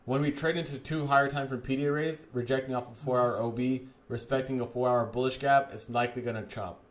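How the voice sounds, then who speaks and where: A man's voice: mid-range voice, steady tone, fast talker. A young man doing casual livestream trading commentary in a slangy, swearing gym-bro manner, saying bro constantly. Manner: gym-bro hype talk, slangy and profane, says bro constantly. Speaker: live trading streamer.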